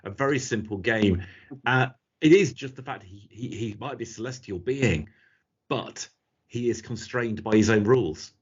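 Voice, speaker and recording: A man's voice: on the low side, breathy edge, highs cut off. A man co-hosting a casual review chat, talking enthusiastically with many restarts. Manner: enthusiastic, animated, quick restarts. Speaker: podcast co-host.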